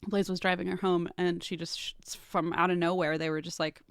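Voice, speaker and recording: A woman's voice: on the low side, a little fast, clean tone, no echo, clean studio sound. A woman guest on a podcast, telling stories in casual chat and acting out the lines she quotes. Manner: animated storyteller, acts out quotes.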